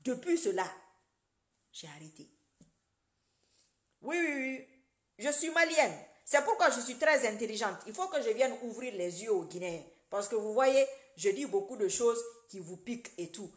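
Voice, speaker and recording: This social media commentator addresses viewers directly in a casual political rant, preachy and animated, alternating loud emphasis with muttered asides under her breath. She has a fairly high pitch and a moderate pace, in a reverberant space.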